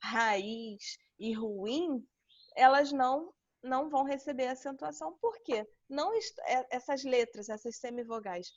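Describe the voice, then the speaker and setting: Brazilian teacher explaining over a video call. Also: female voice, high-pitched, normal speed, few pauses, a little mellow. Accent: Brazilian Portuguese. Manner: patient, explaining step by step with frequent "tá?". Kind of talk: online class lesson. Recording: dull lo-fi video call audio.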